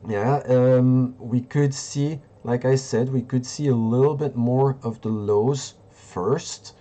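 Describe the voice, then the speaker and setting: Slow, halting Belgian man streaming. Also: medium pitch, fairly even intonation, warm tone. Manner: rambling, halting, many fillers and restarts. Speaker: livestream host. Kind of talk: live market analysis and chat.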